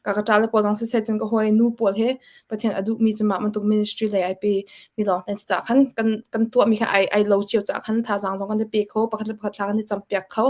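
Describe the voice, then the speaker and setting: A woman speaks as a guest in an easy, conversational church ministry talk, slipping English words into her sentences. Her pitch is in the middle range for a woman. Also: level tone, quick pace.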